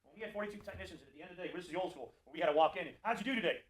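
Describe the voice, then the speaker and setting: A man's voice: sits high, racing, crowd noise, rough recording. A man giving a live sales and service training talk to a group of technicians, joking and putting questions to people in the room. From Florida. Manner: animated, jokey, asks the audience questions.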